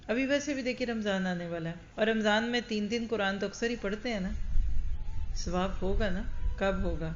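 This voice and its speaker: An earnest woman preaches to a crowded hall and keeps putting questions straight to her listeners. The recording sounds dull and lo-fi, with a faint hiss underneath. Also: mid-range voice. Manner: earnest, direct, addresses the audience with questions. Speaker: Quran teacher. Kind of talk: religious lecture to a live audience. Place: large gathering hall.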